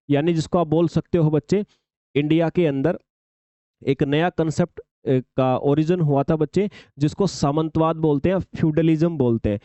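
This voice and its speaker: A man lecturing, repeating himself and putting questions to his students. His voice sits fairly high and sounds warm and relaxed. The sound is close and dry, with no room around it. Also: no echo, dull audio. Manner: addresses students as "children", repeats points, asks rhetorical questions. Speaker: exam coaching teacher. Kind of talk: lecture on exam syllabus.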